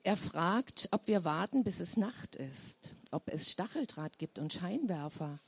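A woman voicing a calm man, a smuggler, who explains and reassures in a story reading. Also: fairly low pitch, measured pace, husky, dry recording, exaggerated voice. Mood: explaining.

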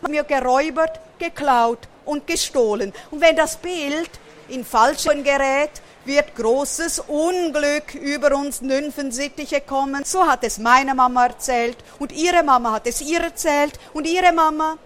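A woman's voice: high-pitched, expressive, fairly bright tone, exaggerated voice. A woman voicing a fretful, dramatic male cockatiel in a storybook read aloud. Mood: lamenting. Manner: lamenting, theatrical, hurried.

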